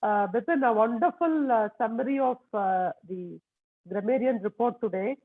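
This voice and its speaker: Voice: medium pitch, moderate pace. Hesitant speaker over a tinny phone-like line. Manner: hesitant, full of fillers. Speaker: general evaluator. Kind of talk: meeting evaluation remarks.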